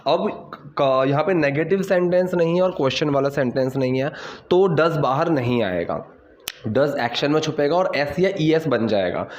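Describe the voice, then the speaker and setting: A man teaching English, quickly explaining things and then reading English lines slowly and deliberately. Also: on the high side. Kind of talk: bilingual language lesson. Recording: roomy, slightly dull home recording.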